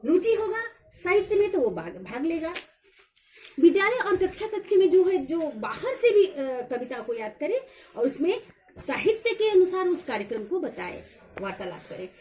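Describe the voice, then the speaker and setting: A middle-aged woman lecturer giving a revision lecture, explaining step by step and slowly repeating key phrases. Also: very high-pitched, very animated, dark tone. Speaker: college lecturer.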